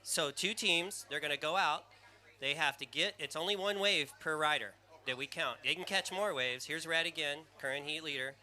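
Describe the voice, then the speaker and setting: Bright-voiced, squeaky surf commentator, a man. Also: normal speed. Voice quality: squeaky surfer voice. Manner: excitable, calls riders by jersey color, rambling. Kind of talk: live surf contest commentary.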